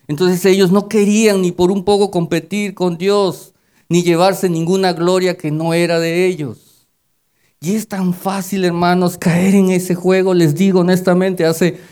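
A male pastor delivers a sermon to his congregation in a fairly high voice. He tells personal stories and lifts his voice loudly when he drives a point home. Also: clear, resonant tone. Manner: storytelling, rising loud when exhorting.

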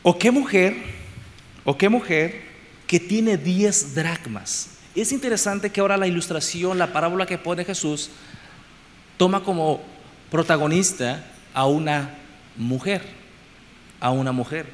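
A man delivers an expository sermon, driving his points home by repeating phrases and moving between loud stresses and quiet lines. His voice sits fairly high for a man. It rings with long reverb over faint background noise, as in a church hall. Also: measured pace, long pauses. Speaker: preacher.

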